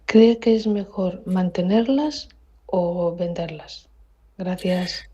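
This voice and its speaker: Woman's voice note played on air, polite caller, mellow kind of dull lo-fi sound. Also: lowish voice, slow, a little hiss or hum. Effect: recorded voice note played on air. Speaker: caller asking for investment advice. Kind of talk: polite question in a voice message. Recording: dull lo-fi voice message.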